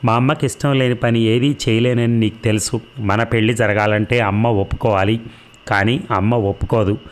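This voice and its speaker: Young man in a storybook, firm but regretful, as the narrator reads him, low voice. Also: fairly even intonation, normal speed, close to an everyday voice. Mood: troubled. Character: young man torn, devoted to his mother.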